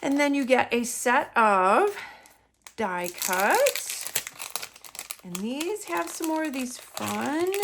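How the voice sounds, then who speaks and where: A chatty woman hosting an unboxing of craft supplies, her voice carrying a gravelly, fry-touched edge. She talks at an ordinary middle pitch, enthusiastic and friendly, often throwing in apologetic asides. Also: background noise. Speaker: crafting kit host. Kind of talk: product unboxing chat.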